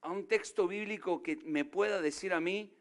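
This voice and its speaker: A man's voice: high voice, normal speed. A man preaching a sermon in an Argentine accent, emphatic and constantly throwing questions at the congregation. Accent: Argentine Spanish. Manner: emphatic, peppers talk with rhetorical questions to the crowd. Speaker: pastor.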